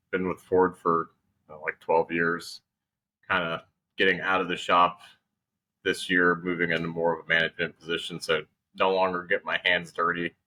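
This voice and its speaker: 30s guy on a podcast, super deep voice with a bright edge, jokey, lots of ums. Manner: relaxed, joking, hesitant with ums. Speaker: guest. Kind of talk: casual conversation.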